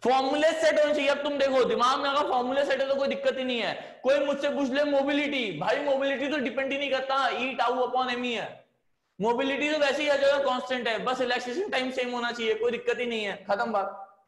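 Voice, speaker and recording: High-voiced man teaching in an echoey room. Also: steady tone, brisk, fairly bright tone. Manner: chatty, coaxing, says "है ना" often. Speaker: physics teacher. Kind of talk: classroom lecture.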